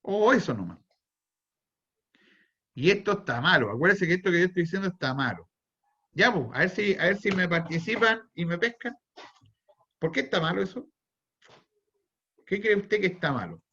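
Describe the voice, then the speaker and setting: A man's voice: sits high, expressive, normal speed, long pauses, sharp tone, breathy edge, highs cut off. A man with a Chilean accent teaching a university math class online, thinking aloud, restarting phrases and quizzing his students. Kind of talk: online lecture.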